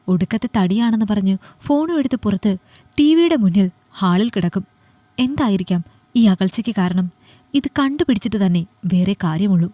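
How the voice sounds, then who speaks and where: A woman's voice: mid-range voice, mellow, no room sound, close to an everyday voice. A woman playing a wounded, pleading housewife. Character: hurt, hard-pressed young housewife. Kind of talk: Malayalam audiobook storytelling.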